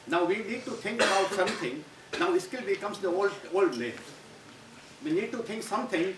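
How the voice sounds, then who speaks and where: A man's voice: sits high, animated, moderate pace. A man giving a university lecture, rambling and restarting his phrases. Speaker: guest lecturer. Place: lecture hall. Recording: roomy, distant mic, audible background noise.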